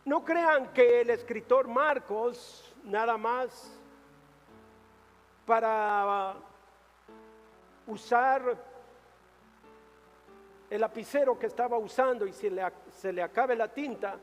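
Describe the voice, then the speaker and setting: Man, pastor, sermon, high-pitched, unhurried, echoing church hall, soft music behind. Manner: preaching with dramatic rises and hushed drops.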